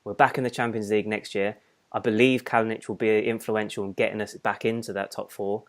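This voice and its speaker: A man with a fairly low voice co-hosts a relaxed fan podcast. He chats loosely and breaks into laughter now and then while reading out comments from listeners. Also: brisk. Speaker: podcast co-host. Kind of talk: casual fan podcast chat.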